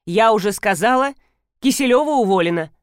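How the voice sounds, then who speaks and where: A woman's voice: medium pitch, lively intonation, no echo, clean studio sound, lightly acted. A woman reading an audiobook, voicing a strict, composed female workshop owner. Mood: stern. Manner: stern, measured.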